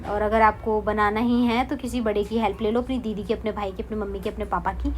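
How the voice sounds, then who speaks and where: A young woman hosts a home craft tutorial in a mid-pitched, conversational voice. She keeps cautioning viewers and fills every pause with reassurances. Faint room noise sits under her close recording. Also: fairly even intonation. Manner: chatty, repeats "theek hai" constantly; cautioning, talks straight to viewers. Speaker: craft channel host.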